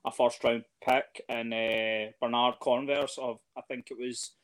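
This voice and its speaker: A man talks in a relaxed, conversational way, mid-pitched. He hesitates a lot, filling gaps with ums and starting sentences over. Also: a little slow. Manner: hesitant, lots of fillers and restarts. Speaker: podcast guest, fan. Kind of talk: casual chat.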